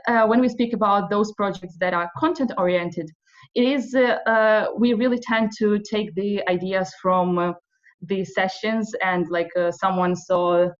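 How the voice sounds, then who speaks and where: Hesitant young woman from western Ukraine. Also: medium pitch. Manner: hesitant, many fillers. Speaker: video workshop trainer. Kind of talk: online workshop talk. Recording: slightly dull audio.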